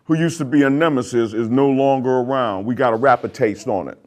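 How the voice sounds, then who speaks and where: A man's voice: mid-range voice, brisk. Hyped male co-host talking slang. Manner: hyped, shouting out praise in slang. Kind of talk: casual talk show chat.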